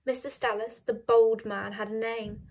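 A woman reading a novel aloud, measured and dropping soft on narration. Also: fairly high pitch, flat delivery. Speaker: reader of a novel.

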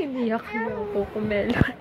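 A woman's voice: on the high side, very animated, moderate pace, very noisy. A woman who is a mother and vlogger, filming at home and chatting casually to her viewers between bursts of playful baby talk. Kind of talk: casual home vlog, talking to camera and baby.

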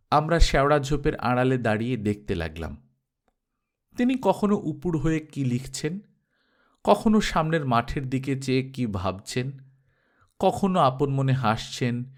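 A man reading a literary short story aloud in an expressive manner, acting out the characters. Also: mid-range voice.

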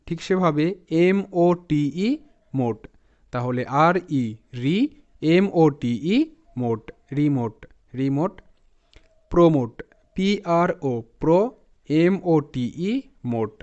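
A man with a Bengali accent teaching English reading, spelling words out letter by letter and repeating them slowly. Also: on the high side, darkish tone, clean tone. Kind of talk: spelling and pronunciation lesson. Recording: slightly dull lo-fi recording.

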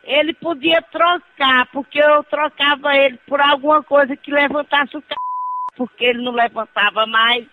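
A woman's voice: high voice, fairly even intonation, moderate pace, low-quality recording. A woman, talking unscripted over a landline phone. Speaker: prank call victim. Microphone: telephone.

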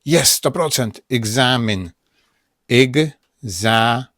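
Slow-talking Polish man drilling English words. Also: mid-range voice, no echo, clean studio sound. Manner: repeats words slowly, drilling them aloud. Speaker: English pronunciation teacher. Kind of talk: casual spoken lesson.

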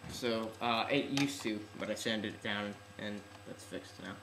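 A man's voice: on the low side, unhurried, vocal fry. A teenage man with slightly odd articulation from braces, giving an offhand, slangy, unscripted demonstration for a casual home vlog. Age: teens. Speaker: hobbyist video host. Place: large room at home, indoors. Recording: echoey room, noisy webcam-style audio.

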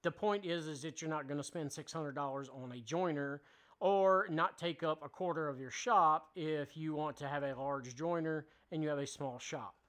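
A man's voice: on the high side, steady tone, normal speed, fairly bright tone. Plainspoken man explaining a shop jig. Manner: plainspoken, explains step by step with fillers. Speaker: woodworking channel host. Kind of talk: casual how-to tutorial. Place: home woodworking shop, indoors.

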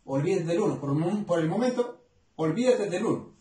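A man teaching arithmetic to children, coaxing them with many quick questions. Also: high voice, animated, mellow, far from the mic. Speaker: math teacher. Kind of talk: explaining a lesson to children. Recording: echoey room, voice away from mic.

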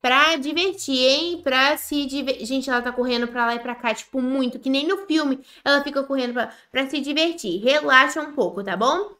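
A woman with a Brazilian Portuguese accent giving chatty, excitable commentary on a game she is playing, often talking straight to her viewers. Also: high voice, moderate pace, hardly any pauses. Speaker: gaming YouTuber. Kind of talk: Roblox gameplay commentary.

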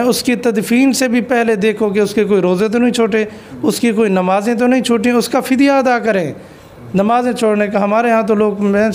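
A man's voice: sits high, a little mellow. A man who is an Islamic cleric, answering an interview question with an earnest, exhortative sermon and stories.

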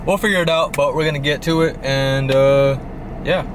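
A man's voice: fairly high pitch, steady tone, normal speed, background noise. A young man, chatting casually for his vlog with many fillers, from a parked car and a gym. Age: young adult. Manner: laid-back, rambling with many fillers. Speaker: vlogger.

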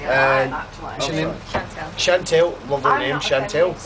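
High-voiced jokey man in a loud club. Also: steady tone, measured pace. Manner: jokey, chatty, calls out to people. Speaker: band member filming a video blog. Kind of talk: casual backstage chat with fans. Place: busy club bar after a gig. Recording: loud crowd and music behind.

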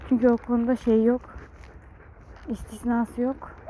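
A woman with a high voice chats casually to her viewers while out on a rural farm. She is recorded outdoors, with faint noise in the background. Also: little pitch movement, unhurried. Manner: talks to viewers, then shouts sharp commands at the dogs. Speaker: vlogger walking her dogs. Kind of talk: casual vlog talk to viewers.

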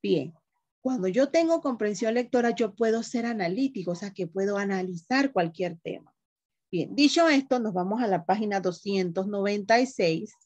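A woman's voice: on the high side, no room sound, highs cut off. A woman teacher giving an online class, explaining patiently and asking the class questions.

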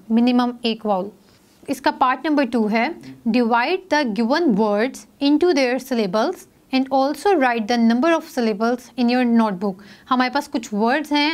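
Woman teacher with a Pakistani accent, slightly high voice, patient classroom explainer who breaks words into parts. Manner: slow, careful word-by-word spelling out. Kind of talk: classroom grammar lesson.

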